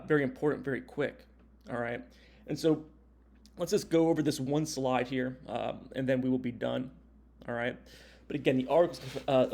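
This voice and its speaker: A man's voice: medium pitch, darkish tone. An American man speaking as a history and government teacher in an informal recorded lecture, explaining step by step and checking in with short tag questions. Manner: explanatory, punctuates points with check-in tags like "right?" and "okay?".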